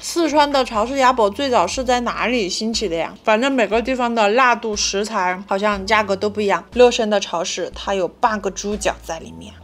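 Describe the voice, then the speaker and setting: Talking while she eats in a small room, this young food vlogger is enthusiastic and emphatic, often repeating words. She has a mid-range voice, speaks briskly with few pauses, and the recording carries slight hiss or hum.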